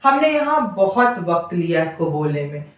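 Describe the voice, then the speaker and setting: A woman teaching Hindi reading who asks questions, answers them herself and repeats example words slowly. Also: fairly low pitch, big pitch swings. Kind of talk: slow classroom explanation. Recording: very echoey, voice from a distance.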